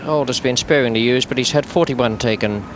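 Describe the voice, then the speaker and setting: A man giving measured, understated live cricket commentary with unhurried, sparing remarks. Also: mid-range voice. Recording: 1970s broadcast, loud crowd noise. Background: noisy outdoor cricket crowd.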